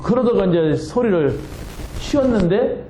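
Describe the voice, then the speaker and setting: Male pastor, lively storytelling sermon, slightly high voice, warm mellow tone. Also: unhurried, echoey room, a little hiss or hum, poor audio. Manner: animated storytelling, laughs often. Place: church sanctuary.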